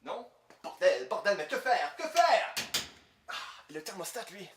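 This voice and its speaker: Man playing boastful hapless rich man, comedy parody, whiny, wildly swooping pitch, echoey room. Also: very animated, measured pace. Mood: demanding, exasperated. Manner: pompous, whiny, theatrical. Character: vain, boastful, incompetent male millionaire, easily outraged. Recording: roomy echo, faint noise.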